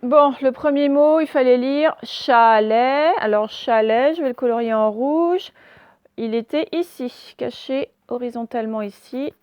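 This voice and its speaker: Slow, clear-spoken woman teaching phonics. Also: a little high, no echo, muffled recording. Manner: slow, sounds out words clearly and stresses the target sounds. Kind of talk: recorded phonics lesson for young children.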